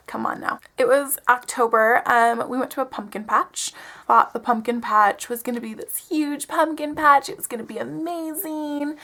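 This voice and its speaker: A woman's voice: fairly high pitch, a bit bright. A young woman in her early twenties telling a dating story to camera in a chatty way, full of "um" and "like". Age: young adult. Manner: chatty, lots of "um" and "like", mimics voices for effect. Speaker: vlogger. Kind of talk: casual storytelling vlog.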